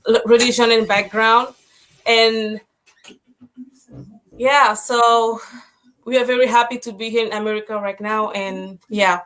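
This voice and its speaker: A woman's voice: fairly high pitch, fairly even intonation, measured pace, long pauses, a bit bright, poor audio. A woman from Cameroon, a guest in a casual interview, speaking hesitantly with restarts and fillers.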